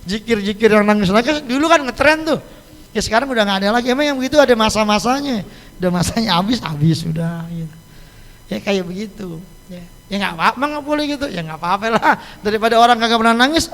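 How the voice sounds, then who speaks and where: A man with a Jakarta Betawi accent preaches a relaxed sermon, joking and chatting with his congregation. His voice sits high for a man and has a gravelly, creaky edge. The sound rings out in the long reverb of a mosque hall. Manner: chatty and joking, laughs at his own stories. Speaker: Islamic cleric teaching a weekly study circle. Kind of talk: casual sermon on a religious book.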